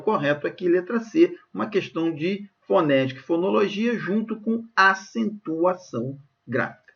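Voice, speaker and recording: A man's voice: a little high, gravelly. Man, Brazilian Portuguese accent, teacher, exam prep lesson, frequent check-ins, dull lo-fi sound. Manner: didactic, checks in often with "ok?" and "gente".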